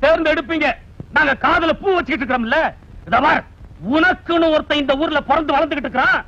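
An actor playing a domineering, hot-tempered village father who shouts and scolds in 1980s film dialogue. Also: very high-pitched, quick pace, heavily acted. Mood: scornful. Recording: dull lo-fi film soundtrack with music.

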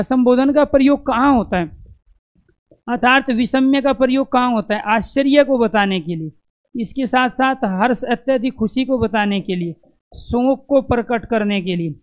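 A man's voice: very high voice, smooth. A male Hindi teacher giving a live exam-prep class. He asks questions and answers them himself, repeats key words in lists, and calls his students dear friends.

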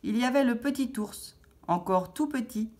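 A woman reading a children's fairy tale aloud with expressive storytelling. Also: fairly high pitch, normal speed.

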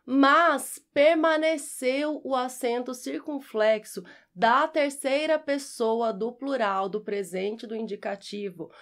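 Woman, Brazilian accent, grammar teacher, slightly high pitch, unhurried, clear syllable-by-syllable explaining. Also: steady tone. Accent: Brazilian Portuguese. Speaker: Portuguese teacher. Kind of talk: scripted grammar lesson.

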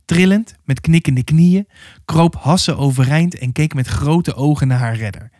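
Man reading a book aloud, slightly high voice, steady dramatic telling, dry sound. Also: a little slow, dry recording. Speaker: narrator reading a novel aloud. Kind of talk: audiobook narration.

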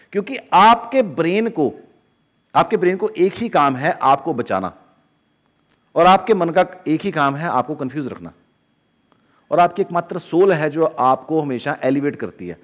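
A man teaching in a casual lecture to camera, animated, acting out inner voices in asides. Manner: animated, acts out inner voices with sudden drops in pitch and loudness. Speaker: spiritual teacher.

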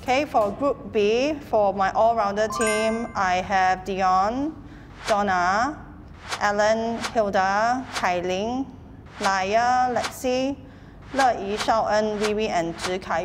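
A woman instructor briskly welcoming trainees and announcing class groups. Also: medium pitch, in a large hall, over music. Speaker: modeling course instructor. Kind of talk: addressing a class.

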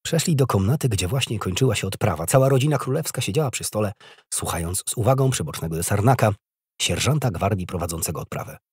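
A man narrating an audiobook in a measured, expressive reading. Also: fairly low pitch, slightly rough, no echo, clean studio sound. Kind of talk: scripted narration.

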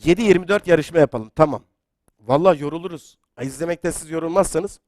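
Excitable high-voiced male quiz host. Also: dry recording, studio quality. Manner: excitable, gets loud then apologizes; chatty, reads out viewer comments. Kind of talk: live-stream quiz hosting.

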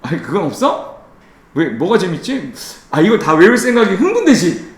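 A man teaching an English grammar class, drilling students with quick questions and teasing them playfully. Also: high voice, huge pitch swings, echoey room. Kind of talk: classroom lecture.

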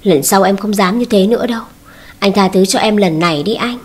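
A woman's voice: medium pitch, moderate pace, breathy edge, natural voice. A woman voicing a young wife who pleads tearfully with her husband for forgiveness, read as a storybook scene. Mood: pleading.

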